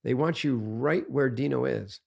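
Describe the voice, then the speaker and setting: A man's voice: mid-range voice, unhurried, creaky, a little mellow. A man, a guest on a podcast interview, talking in an emphatic coaching tone and often asking "right?".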